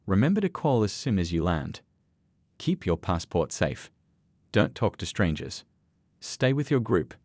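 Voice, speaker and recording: A man's voice: sits low, big pitch swings, unhurried, darkish tone, no echo, exaggerated voice. A man voicing a worried, emotional mother fussing over her daughter in a read story.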